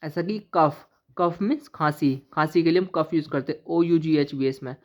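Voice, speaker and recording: A woman teaching an English pronunciation lesson who spells out letters and then says each word slowly and deliberately. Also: low-pitched, a little mellow. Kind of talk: classroom-style lesson explaining pronunciation. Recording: slightly dull, lo-fi recording.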